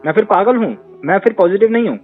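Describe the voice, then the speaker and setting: A man answers questions as a therapist in a conversational Q&A, driving his points home emphatically with rhetorical questions. His voice sits high, with lively intonation and a fast pace, over tinny phone-line audio with faint music.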